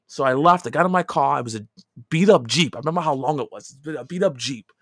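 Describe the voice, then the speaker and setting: A man in his thirties, a podcast co-host, telling a story in casual chat, animated and swinging from loud outbursts to quiet asides. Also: a little high, fast talker, no room sound, studio quality.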